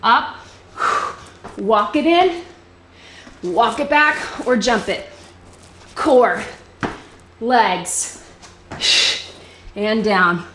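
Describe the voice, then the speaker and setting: A woman's voice: a little high, expressive, very slow, long pauses, a bit bright, roomy sound, slight background noise. A young woman leading a live bodyweight workout as fitness instructor, calling out cues while exercising along and a little out of breath.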